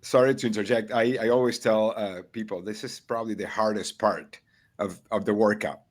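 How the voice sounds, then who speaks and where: A man's voice: fairly low pitch, steady tone, brisk. A middle-aged man from Venezuela, a triathlon coach and guest, chatting casually with frequent fillers, restarts and easy laughter. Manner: hesitant, many fillers and restarts, laughs easily. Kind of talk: casual interview chat.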